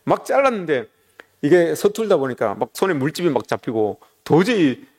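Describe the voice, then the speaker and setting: A man's voice: on the high side, sing-song, moderate pace, a little mellow. Man, pastor, sermon, storytelling, talks straight to the congregation. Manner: storytelling, addresses congregation directly.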